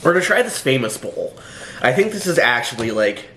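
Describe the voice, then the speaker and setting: A man's voice: medium pitch, very animated, fairly quick, pushed and bright. A hungover man giving a casual, unscripted food review in a rambling, hesitant, dryly sardonic way, full of filler words. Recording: roomy echo, faint background noise.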